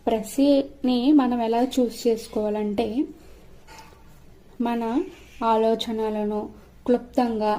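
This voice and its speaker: A woman teaching an exam-prep lesson. She reads each English definition out slowly, then explains it in her own words. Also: on the high side, flat delivery, dark tone.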